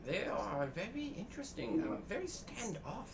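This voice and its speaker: A man's voice: high voice, very animated, normal speed. A man playing a tabletop fantasy game, improvising in-character talk in hesitant, broken phrases. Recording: clear background noise.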